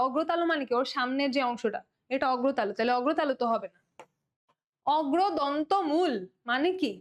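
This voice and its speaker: A young woman with a Bangladeshi Bengali accent runs an online exam-prep lesson in a high voice. She is playful and teasing, and she pleads with her students to understand. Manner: playful, pleading, mixes English words. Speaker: teacher.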